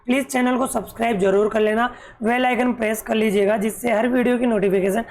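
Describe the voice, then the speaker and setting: Woman, school English teacher, somewhat high voice, fond pet names for pupils, slow dictation. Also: fairly even intonation, darkish tone, a little hiss or hum. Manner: slow, spelled-out dictation of meanings. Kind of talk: explaining a children's English poem.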